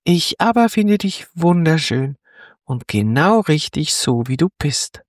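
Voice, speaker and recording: A narrator voicing a small male fox in a storybook reading, calm and slightly mocking. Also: medium pitch, a little slow, no room sound, clean studio sound. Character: wise little male fox, a bit mocking.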